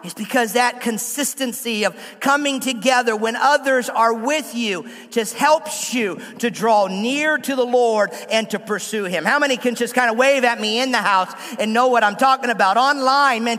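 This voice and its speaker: A man preaching a sermon as pastor, animated, joking and speaking directly to the congregation. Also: very high-pitched, in a large hall.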